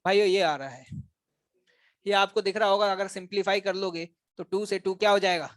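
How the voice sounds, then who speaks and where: A man's voice: high voice, steady tone, brisk, dry recording. A male physics teacher giving a classroom lecture, quizzing and teasing his students and calling them brothers.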